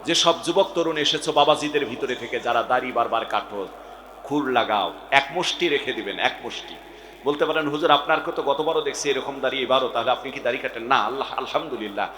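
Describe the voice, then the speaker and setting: A male preacher telling a sad story in a waz sermon, moving between loud chanted wails and low murmured narration. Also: quick pace. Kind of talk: sung Bengali waz sermon. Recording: echoey hall, long reverb.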